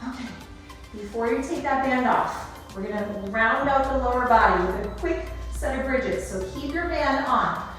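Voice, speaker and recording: A woman with a fairly high voice teaches a Pilates class as an aerobics instructor. She gives encouraging cues and counts down each set. She sounds some way from the mic in a strongly echoing room. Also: moderate pace, fairly bright tone. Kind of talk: aerobics instructor cueing and counting through a workout. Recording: echoey room, distant, music behind.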